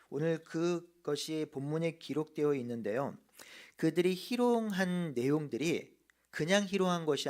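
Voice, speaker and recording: A man preaching a sermon as a pastor, earnest, slowing down to stress key phrases. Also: a little high. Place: church.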